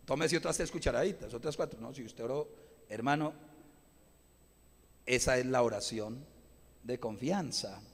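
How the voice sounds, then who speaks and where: A man preaching a live sermon, impassioned, swinging from shouts to quiet asides, in a church. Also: mid-range voice, normal speed, long pauses. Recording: live church audio with long reverb.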